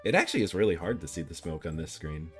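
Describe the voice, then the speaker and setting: A man's voice: low voice, very animated, fast talker, a bit bright, faint music behind. A man streaming live as a VTuber, chatting casually in a playful, rambling way and swearing freely.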